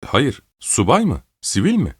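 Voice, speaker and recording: A man's voice: mid-range voice, wildly swooping pitch, unhurried, husky, dry recording, studio quality, voice pushed up, heavily acted. A man reading an audiobook, voicing a timid young woman who asks short, meek questions.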